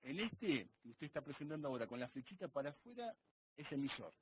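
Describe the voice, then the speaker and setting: A man's voice: fairly high pitch, very animated, fast talker, a little hiss or hum. A man asking questions as a student in a live online class, hesitant and searching for words. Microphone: video call. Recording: tinny video call audio.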